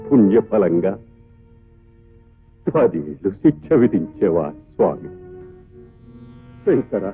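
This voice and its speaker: An actor playing a devoted male servant who pleads passionately with his god after being wronged. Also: mid-range voice. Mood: bitter. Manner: impassioned, rising, pleading speech to his god. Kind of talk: Telugu film dialogue. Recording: tinny lo-fi film audio with music.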